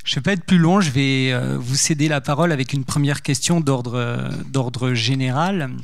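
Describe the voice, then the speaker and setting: A man's voice: medium pitch, moderate pace, vocal fry. A man hosting a public talk in French, speaking semi-formally in long, broken-up phrases with many hesitations. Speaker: event host, interviewer. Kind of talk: semi-formal spoken introduction.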